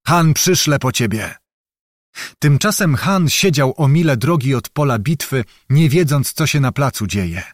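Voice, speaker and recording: A man's voice: mid-range voice, animated, dry recording, clean studio sound. Dramatic male audiobook narrator. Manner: measured, dramatic reading.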